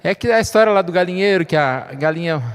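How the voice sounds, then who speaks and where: A man's voice: sits high, lively intonation, quick pace, smooth. A man preaching a sermon as pastor, chatty and joking, checking in with his listeners often. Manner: conversational, frequent tag questions, light humor. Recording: long reverb of a church hall.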